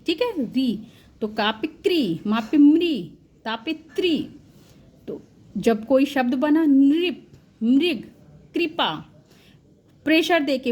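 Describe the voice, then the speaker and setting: A woman with a high voice walks listeners through a phonics lesson at a very unhurried pace. She stretches out each syllable and example word with care. English words slip naturally into her Hindi explanations. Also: a little mellow. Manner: drawn-out, careful sounding out of syllables. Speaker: teacher. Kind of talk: slow Hindi phonics lesson for parents and teachers.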